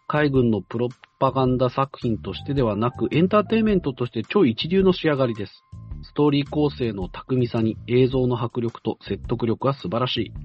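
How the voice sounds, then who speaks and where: A male host reading a listener's letter aloud at a measured pace, with frequent hesitant fillers and brief comments of his own. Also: medium pitch. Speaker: radio-style show host. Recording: muffled lo-fi recording, faint music.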